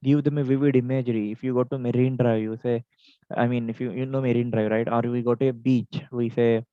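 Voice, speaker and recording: A man's voice: mid-range voice, flat delivery, quick pace, dry recording, narrow, tinny audio. A man with an Indian English accent teaching public speaking on a video call, his throat dry from being unwell, listing points in an instructive way. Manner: instructive, list-like, varies pace for examples. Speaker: speech contest trainer. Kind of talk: online educational talk. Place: home, online meeting.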